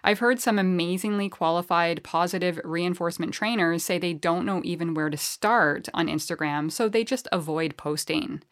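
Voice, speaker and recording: A woman on the low side speaks at normal speed with few pauses. She hosts a podcast, trains dogs, and chats enthusiastically while introducing and interviewing her guest, often using fillers and restarting.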